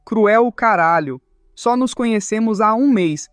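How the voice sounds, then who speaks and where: A cocky, hot-tempered young man full of swagger and complaint, as a man narrator puts him on. The voice runs high and dry, with faint music behind. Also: lively intonation, measured pace, clean tone, no echo.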